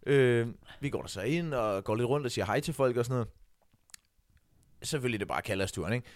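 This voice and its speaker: A young man, co-hosting a podcast and telling a story with excitement, acting out the shouts he quotes. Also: medium pitch. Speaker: podcast co-host. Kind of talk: casual chat.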